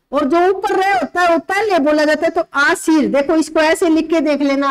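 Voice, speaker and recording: A woman teaching a grammar lesson for exam prep, with a slight tinge, explaining slowly and repeating key words for her students. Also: high-pitched, low-quality recording.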